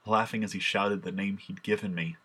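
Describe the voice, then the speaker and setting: A man's voice: lowish voice, fairly even intonation, fairly quick, pushed and bright, slightly rough. A man performing a solemn, impassioned first-person monologue as a grieving, remorseful apostle. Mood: sorrowful.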